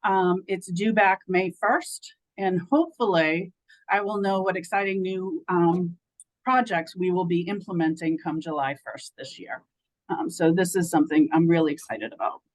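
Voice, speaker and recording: A woman's voice: lowish voice, moderate pace, low-quality recording. A woman presenting a state program on a video call, conversational and enthusiastic with many fillers.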